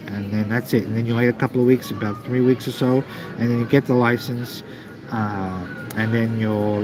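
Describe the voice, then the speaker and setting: A man casually chatting to live stream viewers in a halting, repetitive way. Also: lowish voice. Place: busy airport waiting area. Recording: noisy airport background ambience.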